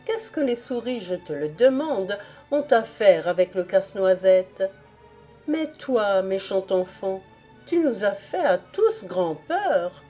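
A woman's voice: medium pitch, big pitch swings, slow pace, mellow, soft background music. A woman reading an audiobook voices a worried middle-aged mother who chides her child. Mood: chiding. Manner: chiding.

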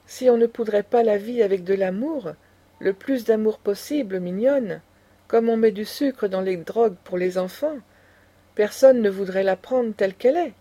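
A woman's voice: mid-range voice, normal speed, dark tone, close to an everyday voice. A woman reading a scornful old grandmother. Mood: lecturing. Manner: impassioned, lecturing. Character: indignant aristocratic old grandmother, proud and scornful.

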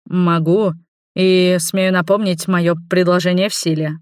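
Woman reader voicing a calm, suspicious male investigator, lowish and measured, for an audiobook. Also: dry recording, clean studio sound, natural voice. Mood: coolly accusing.

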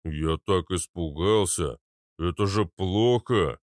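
A man voicing a huge armored male giant who talks slowly and plainly, in an audiobook reading. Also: sits low, no room sound, studio quality. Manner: slow, plain-spoken.

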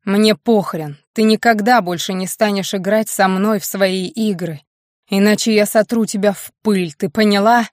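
A woman's voice: medium pitch, steady tone, normal speed, no echo, clean studio sound, close to an everyday voice. Woman reading a hot-tempered werewolf man. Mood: furious.

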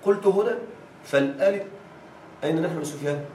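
A male teacher giving a classroom grammar lesson. He quizzes students with questions they finish, and reads example phrases slowly with stress. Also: fairly high pitch, mellow, slight background noise. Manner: quizzes students with fill-in-the-blank prompts. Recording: echoey room, distant mic.

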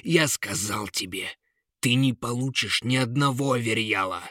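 A man's voice: medium pitch, moderate pace, sharp tone, no echo, studio quality. A man voicing a stern, proud king who is a living palace, barking his orders.

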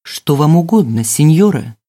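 Woman narrator doing an older male glass master, slow puzzled questions, low dark tone. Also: lively intonation. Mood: puzzled, cautious.

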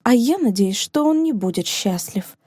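A woman reading an audiobook, voicing a fiery, indignant young woman who speaks in bitter, sharp outbursts. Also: on the high side, animated, normal speed, husky, no room sound, studio quality, pitched above the performer's own voice.

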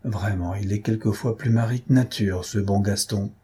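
A man voicing a wry, gossiping society gentleman with mocking, half-joking asides in a read-aloud novel. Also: medium pitch, moderate pace, husky, lightly acted. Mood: sly.

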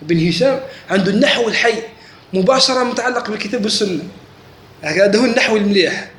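A man's voice: sits high, lively intonation, fast talker, fairly bright tone. A man giving a classroom religious lesson, often stopping to ask students if they follow. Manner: keeps checking students understand, asks questions. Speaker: religious teacher. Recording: echoey room with faint noise.

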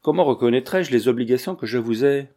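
A man's voice: medium pitch, fairly quick, mellow, lightly acted. A man voicing a young noble princess who is fleeing in fear, with an urgent, pleading voice. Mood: grateful.

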